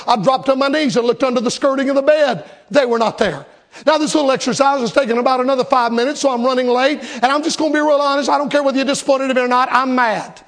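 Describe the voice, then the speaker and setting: A man preaching, his voice sitting very high yet gravelly with fry. He tells a long personal story and drives it toward animated, repeated refrains. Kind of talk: storytelling sermon.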